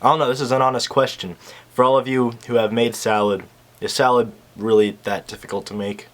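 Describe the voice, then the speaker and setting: A man's voice: mid-range voice, little pitch movement, a little fast. A young man casually reacting to an infomercial, sarcastic and rambling with lots of fillers.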